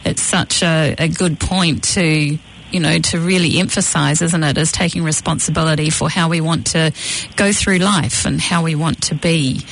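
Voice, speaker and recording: A woman's voice: deep voice, fairly even intonation, moderate pace, creaky, low-quality recording. A woman speaking conversationally as the host of an interview.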